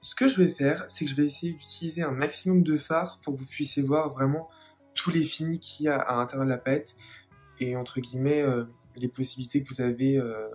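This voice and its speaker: A man's voice: mid-range voice, steady tone, a little fast, a little mellow, faint music behind. A man with a French accent hosting a makeup video, talking in a theatrical, self-mocking way. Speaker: makeup vlogger. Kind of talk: casual makeup tutorial chat.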